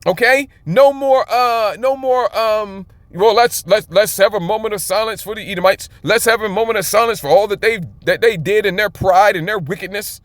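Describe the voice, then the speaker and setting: A man's voice: high voice, normal speed, few pauses, no room sound. A man preaching a sermon, reading scripture aloud and breaking in with colloquial, emphatic commentary and chuckles.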